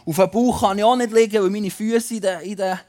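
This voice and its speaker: A man's voice: sits high, steady tone, a little fast, a little mellow, pitched above the performer's own voice, lightly acted. A man acting out a sore, complaining male prisoner lying in a jail cell, his voice whiny and exasperated. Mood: grumbling.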